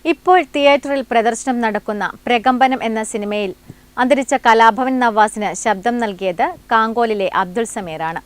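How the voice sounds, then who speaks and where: A woman reporter narrating a news story in clear, formal speech. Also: fairly high pitch, normal speed.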